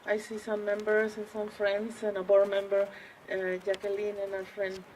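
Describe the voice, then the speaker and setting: A woman in her forties with a Mexican accent, giving an earnest rally speech as a community organizer, pausing often with fillers. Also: medium pitch, monotone, darkish tone, slight background noise, poor audio. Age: 40s. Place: outdoors at a public rally.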